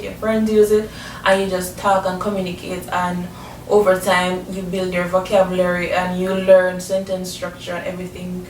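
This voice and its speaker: A woman from Jamaica with a Jamaican accent, giving an explanatory educational talk as a presenter. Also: a little mellow. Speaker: presenter explaining language and culture. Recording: roomy echo, distant mic, faint rumbling noise.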